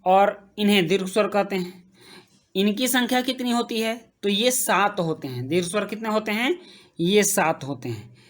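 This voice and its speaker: A woman teaching a grammar lesson, slowly repeating each term as she writes and checking in with her students. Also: medium pitch, expressive. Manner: slow, repeats terms while writing, checks in with "ठीक".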